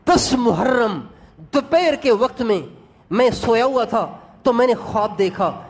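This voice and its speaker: A man with a high-pitched voice delivers an emotional sermon. He tells the story with feeling and addresses his listeners directly as brothers. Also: a little hiss or hum. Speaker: preacher.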